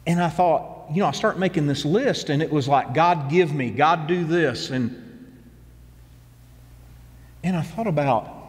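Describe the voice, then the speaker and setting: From a church stage, a pastor in his fifties delivers an earnest, conversational sermon, repeating phrases as he goes. His voice sits a little high and moves unhurriedly, with long pauses and a long reverb tail.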